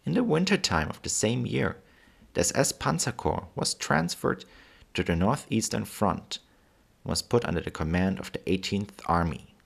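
A husky man with a German accent narrates scripted history. His pitch moves in lively swings, and his w sounds come out as v. The voice sits on the low side. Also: moderate pace. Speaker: history channel host.

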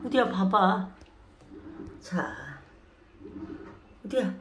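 A woman speaks slowly and softly to her cat at home, coaxing and teasing it with the same short questions over and over. Her voice rings in an echoey room with a faint hiss of noise behind it. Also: mid-range voice. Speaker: pet owner. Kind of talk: casual talk to a pet cat.

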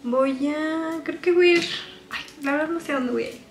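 Soft music plays in the background of an echoey room while the young Mexican-accented woman, in her twenties, does her makeup in a small bedroom and chats loosely with self-deprecating remarks. She has a high voice and a moderate pace.

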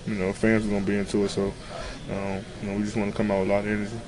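A young man's low, flat voice answers questions in a locker room, close to handheld mics. His delivery is low-key and filler-heavy, matter-of-fact rather than animated. The chatter of a crowded media scrum sits behind him. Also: very fast, rough recording. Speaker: basketball player. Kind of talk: postgame media interview. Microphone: handheld reporter mics close to face.

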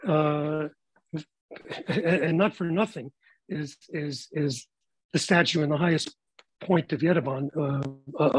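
A man speaking as a panelist on a video call, measured and reflective, with frequent fillers and repeated words as he searches for phrasing. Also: a little high, darkish tone, slightly rough, no room sound, rough recording. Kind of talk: panel discussion remarks.

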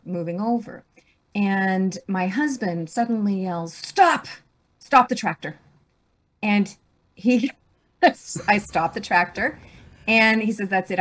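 A middle-aged woman, a business leader, telling a personal story as a guest on a podcast, animated and restarting her phrases. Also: medium pitch. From grew up on a farm.

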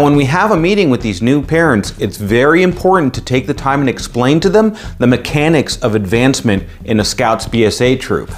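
A man in his thirties with an American accent, explaining to camera in an emphatic, instructive way as a scoutmaster and video host. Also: mid-range voice. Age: 30s. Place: small room at home, indoors.

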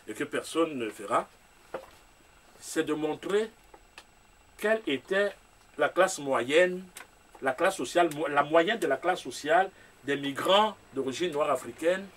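Emphatic Cameroonian man, distant mic. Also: on the high side. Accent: Cameroonian French. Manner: emphatic, with repeated rhetorical phrases. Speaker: author guest. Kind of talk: talk-show discussion. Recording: distant mic with faint room noise.

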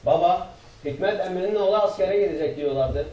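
A man's voice: high voice, fairly quick, mellow, dull audio, lightly acted. A man playing a dutiful grown son of a village family in a stage drama. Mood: respectful. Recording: echoey, distant, faint background noise.

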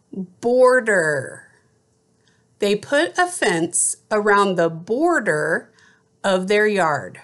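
A middle-aged woman teacher giving a slow school spelling dictation, enunciating deliberately word by word. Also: mid-range voice. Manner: deliberate enunciation, word repeated after an example sentence. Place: small room at home, indoors.

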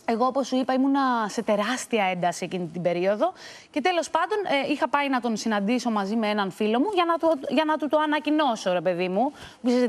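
A woman on a TV talk show, telling a hard personal story in a halting, intense way, restarting words. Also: fairly high pitch. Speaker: interview guest. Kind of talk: emotional personal testimony. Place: TV studio.

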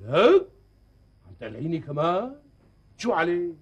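An actor playing a blunt, quick-tempered older Damascene father with a Damascene accent, who speaks in a harsh, accusing and commanding way. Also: on the high side, sing-song, husky, muffled recording. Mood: angry. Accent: Damascene Arabic. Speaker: neighbourhood elder and father.

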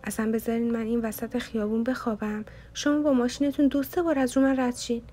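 A woman's voice: on the high side, little pitch movement, mellow, close to an everyday voice. A woman reading the part of a cheeky young male student who cracks jokes through teasing mock curses. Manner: mock-cursing, teasing banter.

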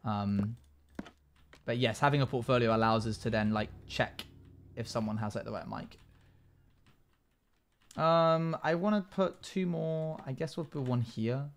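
A man in his twenties streams live from a small home room, offering chatty game commentary and answering chat messages he reads aloud. His medium-pitched voice has vocal fry, moves at a measured pace, and pauses often.

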